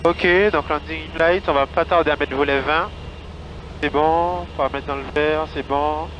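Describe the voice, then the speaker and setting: A male pilot talks through checklists and calls in a cockpit. His voice is a bit high, and the audio is dull with a light layer of engine noise. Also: fairly even intonation, moderate pace. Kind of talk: calling out flight checklists and radio calls. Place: small aircraft cockpit in flight.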